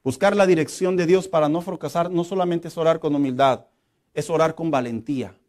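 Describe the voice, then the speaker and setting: A middle-aged male pastor, preaching a lively, humorous sermon and acting out quotes. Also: a little high, a little fast.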